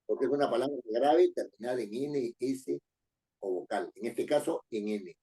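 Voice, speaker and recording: A man's voice: medium pitch, moderate pace, dark tone. A man teaching a class, explaining rules and repeating key phrases while he asks the students questions. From Peru. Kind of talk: spoken lesson on writing and accent marks.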